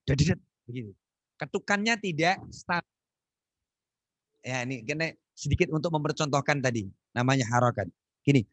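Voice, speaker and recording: A man teaching Quran recitation on a video call, correcting students and demonstrating verses in a slow, drawn-out chant. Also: on the high side, dry recording. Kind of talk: online Quran recitation lesson.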